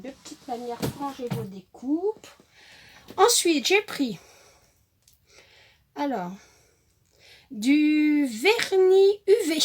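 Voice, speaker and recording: A woman's voice: a little high, background noise. A woman chatting casually while showing off a craft-supply haul, hesitant with many fillers and self-corrections. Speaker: crafting vlogger.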